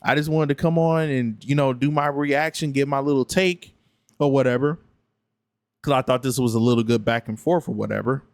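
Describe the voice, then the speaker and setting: A man's voice: medium pitch, a little fast, dry recording. A man, tired late at night, bluntly arguing and repeating himself in a casual reaction stream. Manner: repetitive, blunt, argumentative. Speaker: gaming streamer responding to another streamer.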